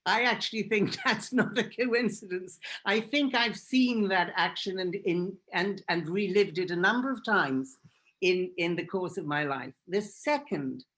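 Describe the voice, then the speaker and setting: An Israeli woman whose native language is Hebrew gives a personal talk as a guest speaker, her medium-pitched voice fairly bright and a little slow. She is earnest and emphatic, repeating phrases for force.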